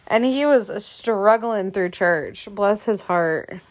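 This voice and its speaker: A woman's voice: medium pitch, animated, slow. Chatty woman laughing often. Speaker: podcast co-host. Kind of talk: casual chat.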